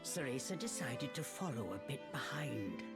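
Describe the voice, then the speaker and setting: A woman narrating a storybook game tale in a slow, measured, dramatic way. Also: rumbling low, big pitch swings, exaggerated voice. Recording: game audio with music behind. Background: music.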